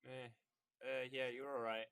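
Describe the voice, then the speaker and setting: A man's voice: mid-range voice, level tone, a little slow, vocal fry, fairly bright tone, smooth, no room sound, recorded from a distance. A man playing a tabletop game, chatting and teasing casually. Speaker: player.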